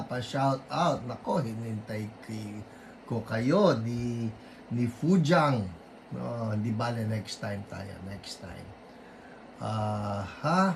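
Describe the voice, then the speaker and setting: Filipino man, pastor on a livestream, unhurried, faint hiss behind, keeps his voice down. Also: medium pitch, poor audio. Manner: greets viewers by name, mixing Tagalog and English; rebukes illnesses in forceful prayer bursts. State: keeping his voice low after weeks of voice trouble. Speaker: pastor hosting an online healing service. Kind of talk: livestream greetings and prayer.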